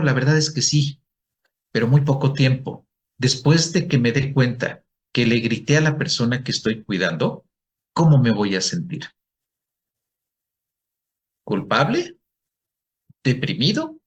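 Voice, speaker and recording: A male psychologist giving a workshop to an audience, asking questions and answering them himself. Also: mid-range voice. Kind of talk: presentation talk to an audience.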